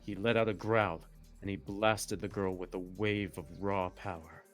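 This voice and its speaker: Over faint music, a deep, fairly even voice reads fan fiction aloud at a moderate pace. The narration is melodramatic, and the reader keeps breaking into laughter and joking commentary.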